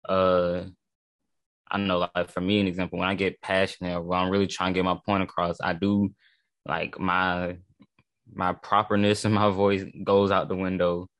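A man with a very low voice, recorded close and dry, talks casually. He is halting and slangy, often circling back over a phrase before finishing it. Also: level tone, fairly bright tone, no echo. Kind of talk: casual discussion.

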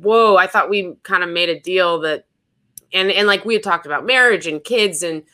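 A woman's voice: fairly low pitch, normal speed, pushed and bright. A woman hosting a casual podcast conversation, who asks her guest questions and talks reflectively about her own past.

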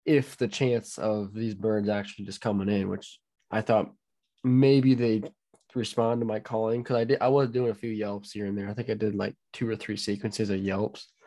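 Man, co-host, lowish voice, chatty and hedging, lots of "you know.". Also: mellow. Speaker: podcast co-host. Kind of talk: casual storytelling.

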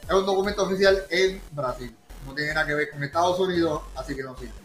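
Insistent high-voiced Puerto Rican man, echoey. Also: quick pace, fairly bright tone. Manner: argumentative, insistent, repeats himself. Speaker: podcast panelist. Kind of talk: casual debate. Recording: roomy echo, music behind.

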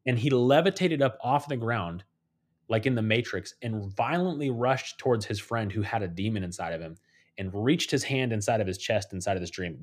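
A man telling supernatural stories in a podcast conversation, animated and acting out the voices of the people in them. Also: mid-range voice. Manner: animated storyteller, acts out quoted voices. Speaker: guest.

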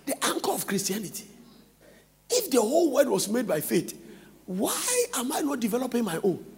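High, singsong preacher with a gravelly voice. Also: male voice, wildly swooping pitch, moderate pace, in a large hall. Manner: singsong, shouting, laughing preaching. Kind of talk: sermon.

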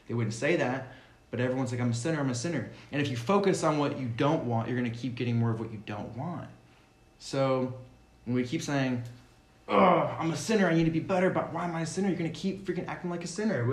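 A man talking casually about spirituality, rambling and excitable, swearing now and then. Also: medium pitch, reverberant.

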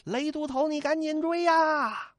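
Man doing a sly hushed constable. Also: a little high, lively intonation, unhurried, no room sound, clean studio sound. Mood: urgent. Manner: urgent, hushed then pleading. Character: sly male constable, secretly helping a fugitive.

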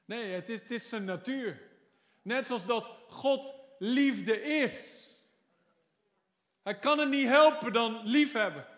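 A man preaching a sermon with fervent emphasis, moving between quiet remarks and stretched, emphatic words. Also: very high-pitched, takes it slowly. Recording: long hall reverb.

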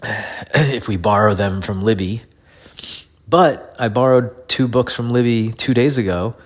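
A middle-aged man speaks in a low-pitched voice made grating and congested by a head cold and sore throat. He hosts alone in a casual, diary-like style, complaining informally and with open frustration. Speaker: podcast host. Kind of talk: casual solo rant, diary-like.

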